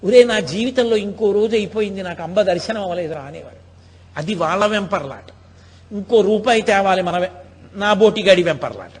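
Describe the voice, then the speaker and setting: A middle-aged man delivers a spiritual discourse in a high voice with a husky edge. He tells stories with emphasis and keeps asking rhetorical questions. His voice rings through a hall with a long echo. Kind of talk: religious discourse.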